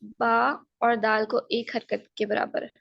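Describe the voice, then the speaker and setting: Slow, hesitant woman student. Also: a little high, level tone, gravelly, no echo. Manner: hesitant, explains with fillers. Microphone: video call. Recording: dull video call audio.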